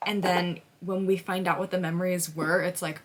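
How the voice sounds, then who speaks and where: This woman runs a book vlog and is chatting casually about her emotional reaction to a book, gushing in an informal, emphatic style and dropping "like" throughout. Her voice is lowish and level, at a moderate pace, with a faint hiss or hum in the recording.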